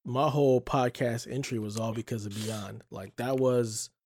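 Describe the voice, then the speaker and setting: A man's voice: mid-range voice, fairly even intonation, moderate pace, a little mellow. Chatty male podcast host. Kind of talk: casual podcast chat.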